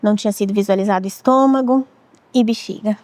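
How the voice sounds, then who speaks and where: A Brazilian woman in her thirties shares a painful personal story as an interview guest, speaking in a measured, reflective way and often repeating what she said back then. Her voice is warm and mellow, and the recording is dry and close. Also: medium pitch, dry recording. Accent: Brazilian Portuguese. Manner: measured, reflective, often quoting her own past words. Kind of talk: emotional personal testimony.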